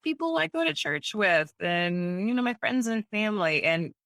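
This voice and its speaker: A woman guest in an interview, telling her story in a casual, animated way, acting out what people said and laughing often. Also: mid-range voice, moderate pace, creaky, no echo. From United States. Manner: animated, acts out voices in anecdotes, laughs often. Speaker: guest, home bakery owner.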